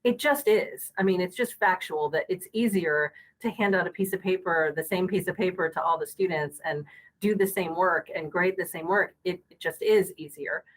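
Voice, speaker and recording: A middle-aged woman in casual podcast conversation, her voice sitting a little low. She talks earnestly, circling back with fillers and restarts as she thinks aloud. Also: moderate pace, poor audio. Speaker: guest, school district technology leader.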